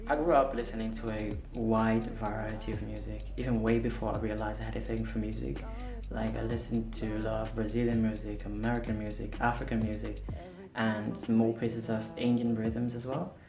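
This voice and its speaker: Candid, rambling singer-songwriter man, a native Portuguese speaker, gravelly low tone, echoey room with music under. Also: level tone, moderate pace. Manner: candid, self-deprecating, rambling with fillers. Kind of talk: casual chat to camera. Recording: roomy echo with music behind.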